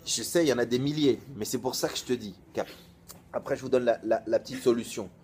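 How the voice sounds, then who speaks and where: A rabbi in his thirties rattles through an informal, story-driven sermon in a mid-range voice, lively and colloquial, performing both sides of the conversations he describes. There's slight background noise behind him.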